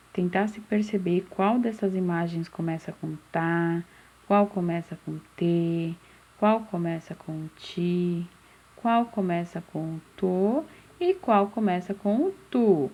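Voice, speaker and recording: A Brazilian woman teaching a slow, patient phonics lesson for young children, stretching out syllables and asking questions that she then answers herself. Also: on the low side, dark tone. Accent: Brazilian Portuguese. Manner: drawn-out syllables, asks questions and answers them. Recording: dull, muffled lo-fi recording.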